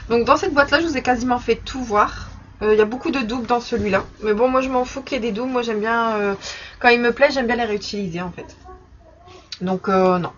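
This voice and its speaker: A woman's voice: on the high side, fairly quick. Chatty young woman showing stickers. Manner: chatty, many fillers, soft laughs. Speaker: vlogger. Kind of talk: casual haul vlog. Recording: slightly dull recording with faint background noise.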